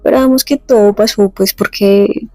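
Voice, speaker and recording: A woman casually retelling a comic story, reading the characters' lines slowly and chatting between them. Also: medium pitch, steady tone, mellow, no room sound. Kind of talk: casual comic recap with read-out dialogue.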